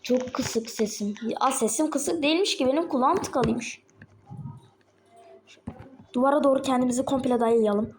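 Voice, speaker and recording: A woman with a slightly sore throat, chatting excitedly to viewers while playing a game on a tablet. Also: sits high, moderate pace, long pauses, a little hiss or hum. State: sore throat, a bit ill. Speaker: gaming channel host. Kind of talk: casual gameplay commentary. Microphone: tablet microphone.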